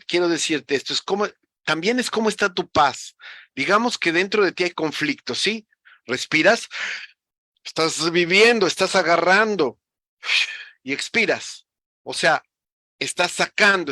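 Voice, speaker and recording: A man's voice: fairly high pitch, sharp tone, no room sound. A man from Mexico, explaining ideas in a reflective, teacherly way with frequent restarts. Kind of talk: conversational explanation.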